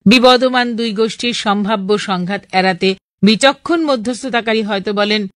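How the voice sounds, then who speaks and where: A woman radio presenter, reading listeners' letters aloud in a steady, clear voice. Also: medium pitch, moderate pace, no echo, studio quality.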